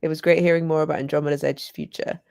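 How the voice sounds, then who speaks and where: A woman co-hosting a casual livestream chat, bubbly and quick, reading out viewer comments. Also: low voice, little pitch movement, creaky, mellow, clear, resonant tone, no echo, studio quality. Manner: bubbly, quick, laughs easily. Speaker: co-host reading viewer questions.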